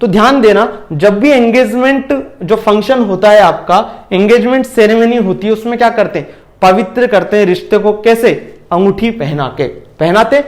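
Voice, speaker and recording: Brief: high-pitched male tutor, exam-prep lecture, keeps asking and answering his own questions. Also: moderate pace. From India. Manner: repeats questions and answers them himself, keeps asking if it is clear. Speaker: teacher.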